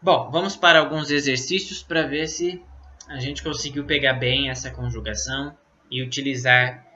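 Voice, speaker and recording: A Brazilian man with a very bright, sharp voice at an ordinary pitch, teaching Italian in a loose, conversational way. He explains things patiently and keeps checking in with "né?" and "tá?". The recording is dull and lo-fi. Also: fairly even intonation. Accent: Brazilian Portuguese. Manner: explains slowly, many fillers like "né?" and "tá?". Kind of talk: casual online language lesson. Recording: dull lo-fi sound.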